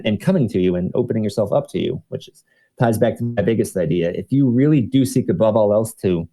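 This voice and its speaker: A man with a fairly low, mellow voice telling personal stories in a loose, rambling way. He is full of "like" and "um" and often stops to restart a thought. He sounds like he is chatting in a live audio discussion. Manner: rambling, many fillers and restarts.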